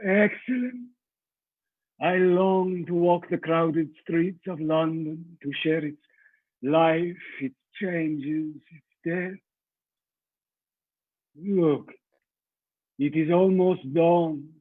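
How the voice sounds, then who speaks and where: An actor playing a courtly, menacing ancient vampire count in a radio play, speaking formally and ominously. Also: male voice, a little high, steady tone, very slow, long pauses, no echo, phone-quality sound. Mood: brooding, courtly.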